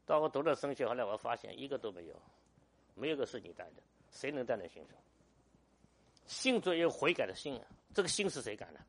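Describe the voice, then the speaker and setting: A man's voice: medium pitch, big pitch swings, a little fast. Older guy pastor giving a sermon, emphatic, voice swings up and down a lot. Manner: emphatic, rhetorical questions, storytelling.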